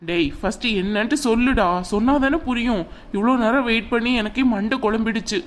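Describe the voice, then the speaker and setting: A woman's voice: fairly high pitch, a little fast, a little hiss or hum, close to an everyday voice. A woman voicing a firm but caring uncle in a cartoon family drama. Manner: firm, reassuring.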